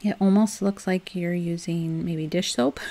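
Chatty woman with a gravelly edge. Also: fairly low pitch, fairly even intonation, a little slow. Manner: chatty and upbeat, with soft laughs and loose restarts. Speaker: DIY home decor vlogger. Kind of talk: casual voice-over for a craft tutorial.

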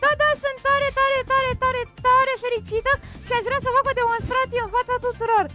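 A woman's voice: very high voice, flat delivery, music in the background, pitched above the performer's own voice. A woman doing a bubbly old granny puppet. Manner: bubbly, sing-song. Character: cheerful old grandmother puppet, chatty. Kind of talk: ventriloquism act on live radio.

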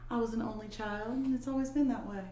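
A woman's voice: a little high, fairly even intonation, fast, crowd noise, natural voice. A woman acting a bold, scheming young woman in a comedy sketch, sly and commanding. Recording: echoey room with clear background noise.

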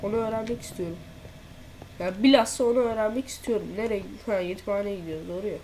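A woman's voice: mid-range voice, quick pace. A woman giving horror game commentary, jumpy and swearing, talking to herself as she plays. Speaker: gameplay commentator. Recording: noisy home recording.

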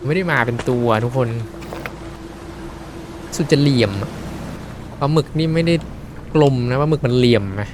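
A man streaming a horror fishing game, chatting and reacting excitedly as he plays. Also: mid-range voice, normal speed, pauses often, noisy background. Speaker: gaming streamer. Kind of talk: live game commentary.

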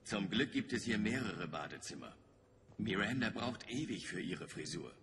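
An actor playing a relaxed male crewmate in a video game dub, bantering wryly. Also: lowish voice, moderate pace, big-room sound, noisy background, lightly acted. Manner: casual, wry banter.

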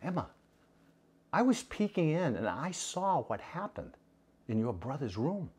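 A man voicing a patient father who speaks softly and coaxingly to his daughter. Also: high voice, big pitch swings, measured pace, husky, voice pushed up, heavily acted. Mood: gentle.

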